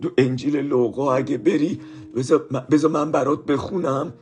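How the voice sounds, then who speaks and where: A man's voice: a little high, fairly even intonation, darkish tone, faint music behind. A man telling a Bible story to children, explaining each verse again in simple words and often turning to the children with asides.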